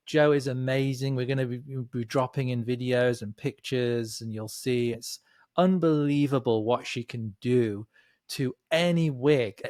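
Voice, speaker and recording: A man's voice: medium pitch, dry recording. A middle-aged man from the north of England hosting a casual interview, effusive and enthusiastic. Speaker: host.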